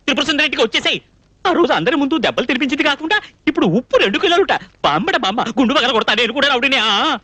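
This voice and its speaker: A fussy flustered young cook. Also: male voice, extremely high pitch, animated, sharp tone, dry recording, heavily acted. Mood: scolding. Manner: fussy, scolding, quick-tempered. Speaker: dubbing actor. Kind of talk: dubbed film comedy acting.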